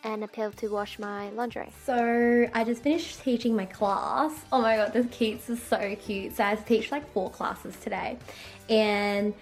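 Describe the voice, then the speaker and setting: A woman's voice: medium pitch, steady tone, measured pace, soft background music. A young woman chatting casually in her vlog, bubbly and full of "like". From Australia. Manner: bubbly, chatty, heavy use of "like". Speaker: vlogger and English teacher. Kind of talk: casual vlog chat and voice-over.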